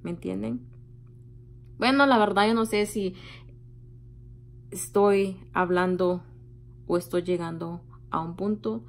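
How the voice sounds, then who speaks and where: A young woman speaks to her followers in a casual, conversational vlog. She tells her story with animated emphasis and repeats herself as she builds her point. Her voice sits at a middle pitch. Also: slow, long pauses. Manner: animated, mocks gossip in a high voice. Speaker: vlogger.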